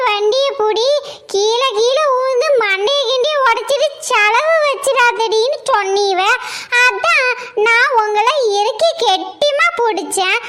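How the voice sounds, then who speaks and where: A woman's voice: very high-pitched, sharp tone, full character voice. A woman with a rural Tamil Nadu accent playing a dim, pampered young daughter who whines defensively in a comedy skit.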